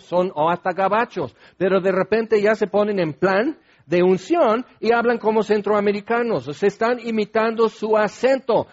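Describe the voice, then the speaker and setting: A man's voice: high-pitched, darkish tone. A male pastor, preaching a sermon in a conversational, explanatory way with asides to the congregation. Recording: dull, lo-fi sound.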